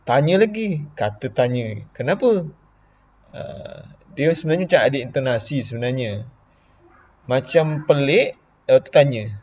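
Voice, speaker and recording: A man's voice: medium pitch, moderate pace, a little mellow, dull audio, a little hiss or hum. A man with a Malaysian Malay accent, a primary school teacher giving an online lesson in a chatty way, explaining with repeated example questions.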